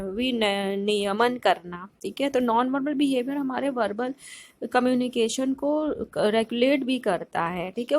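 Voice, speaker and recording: A woman with a somewhat high voice gives a recorded lecture to her students. She explains each point step by step, pausing often with fillers and mixing English terms into her speech. It sounds like a simple phone recording. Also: no echo. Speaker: teacher.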